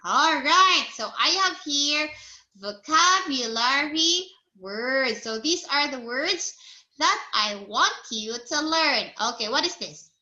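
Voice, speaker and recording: A woman's voice: high voice, animated, sharp tone. A woman teaching English to a child one-on-one, speaking patiently, repeating words and praising answers. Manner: patient, slow, repeats words for the learner to copy.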